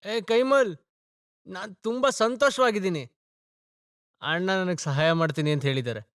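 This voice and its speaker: A man's voice: high-pitched, moderate pace, faint music behind, close to an everyday voice. A man voicing a drunk, debt-ridden younger brother in a dubbed film, rambling, pleading and repeating himself. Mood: giddy drunk. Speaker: film character in a dub. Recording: loud film score behind the voice.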